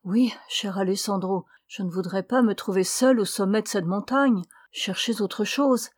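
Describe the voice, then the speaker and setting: A woman reading the lines of a gentle young mother in a storybook, speaking softly, almost in a whisper, to soothe. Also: medium pitch, normal speed, no room sound, natural voice. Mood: soothing. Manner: soft, soothing, half-whispered.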